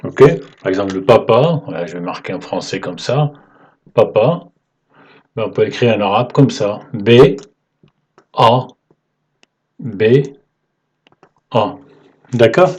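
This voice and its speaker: A man teaching the alphabet in French, patient and halting, often checking in with "ok?" as he writes. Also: fairly low pitch, breathy edge. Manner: slow, halting delivery with fillers. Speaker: Arabic teacher. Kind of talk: whiteboard lesson explaining letters.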